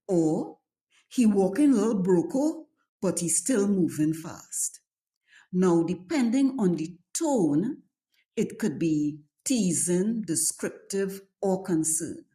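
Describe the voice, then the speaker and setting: A woman with a Trinidadian Caribbean accent, teaching slang as a scripted lesson in a measured, deliberate storytelling delivery. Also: on the low side, mellow. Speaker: dialect teacher, host.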